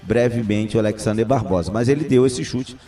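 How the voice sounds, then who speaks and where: A Brazilian man comments on a football match in a dark, relaxed voice of medium pitch. His delivery is halting, and he sounds away from the microphone with music in the background. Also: far from the mic.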